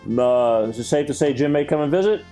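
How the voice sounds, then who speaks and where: A man's voice: medium pitch, lively intonation, brisk, warm tone, faint music behind. A man hosting his own chat show, talking earnestly and rambling with lots of fillers and restarts. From Greek heritage. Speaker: show host.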